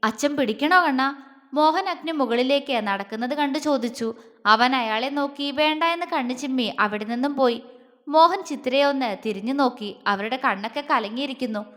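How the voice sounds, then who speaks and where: Woman storyteller, high voice, steady expressive reading, long reverb on the recording. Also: normal speed. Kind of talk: scripted story narration.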